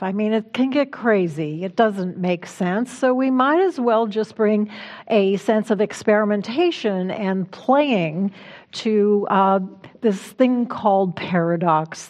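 A woman minister delivering a conversational sermon in a reflective, informal way, gently guiding her listeners. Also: mid-range voice. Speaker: minister giving a talk. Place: church sanctuary.

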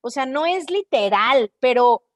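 A Mexican woman hosting a podcast, telling a personal story in a casual, expressive monologue and acting out the voices in her head. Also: sits high, a little slow, no echo, clean studio sound. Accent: Mexican Spanish. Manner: expressive, animated storytelling with quoted inner voices. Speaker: podcast host.

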